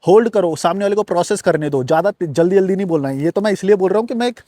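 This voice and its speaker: A man hosting a self-help video, talking fast in an unbroken flow and addressing the viewer directly, words into his speech. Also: high-pitched, warm tone, no room sound, studio quality. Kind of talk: fast-paced motivational talk to camera. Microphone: recording to camera on a device.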